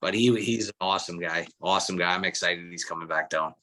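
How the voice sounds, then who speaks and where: A man, a former hockey player and coach, chatting casually on a podcast and telling stories with relaxed restarts. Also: low voice, a little fast. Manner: relaxed storytelling with frequent restarts.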